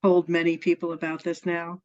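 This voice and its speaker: This interview guest, a woman with a fairly low, darkish, monotone voice, talks fairly quickly. She tells personal stories in an earnest, enthusiastic way and laughs often during the casual storytelling interview, which has dull lo-fi sound.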